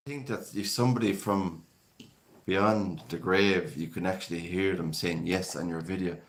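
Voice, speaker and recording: This man from Galway speaks in a fairly low, slightly bright voice with a west of Ireland accent. He's hosting a live stream, chatting casually and reading out viewer comments in a rambling, conversational way.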